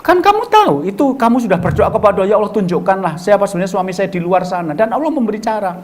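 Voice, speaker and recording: A man's voice: high voice, rapid-fire, a little hiss or hum. A middle-aged man giving a colloquial storytelling sermon as a preacher, acting out both sides of the dialogues he recounts.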